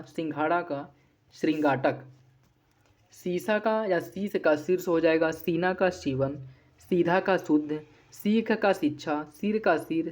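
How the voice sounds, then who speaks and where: A teacher giving an exam-prep grammar lesson, running quickly through corrections in a set drilling pattern. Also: mid-range voice, a little mellow. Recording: dull lo-fi recording.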